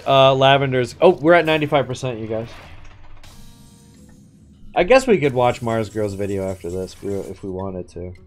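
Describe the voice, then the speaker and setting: Guy streaming a game, chatty and slangy, swears a bit, music in the background. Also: medium pitch. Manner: casual slangy speech with swearing. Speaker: live streamer. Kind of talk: casual live game-stream commentary and chat.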